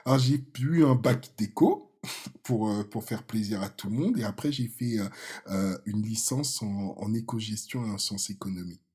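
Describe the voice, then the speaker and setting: A man in his fifties who grew up in France, answering interview questions in a halting way, with many fillers and restarts. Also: lowish voice, warm tone, husky. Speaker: podcast guest. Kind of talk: casual interview talk.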